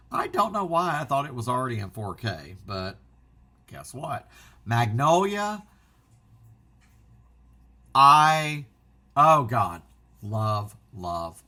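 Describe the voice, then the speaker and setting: A man chats casually as a vlog host. His voice is bright and forward at a middling pitch, and he talks in an excitable, rambling way, cutting himself off mid-thought. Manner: excitable, rambling, self-interrupting. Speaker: physical media channel host.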